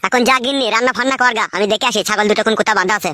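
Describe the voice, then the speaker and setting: A woman playing a rough young village husband in a comic skit, swearing and talking crudely. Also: fairly high pitch, racing, pushed and bright, slight background noise. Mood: bossy.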